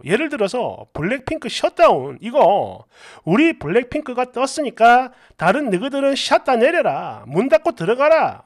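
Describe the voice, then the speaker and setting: High, lively woman narrating a story. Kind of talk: scripted narration of a reader's story.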